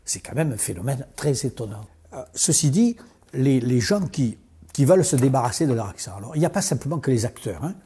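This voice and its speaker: A man from southern France speaking in a conversational interview, reflective and animated, often restarting his sentences. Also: medium pitch, fairly quick, breathy edge. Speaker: interview guest.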